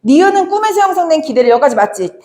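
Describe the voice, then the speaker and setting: A young woman with a high-pitched voice teaches literature to students, talking them briskly through exam questions. She keeps asking rhetorical questions and playfully acts out lines from the texts. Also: sing-song, mellow. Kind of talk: exam problem walkthrough lecture.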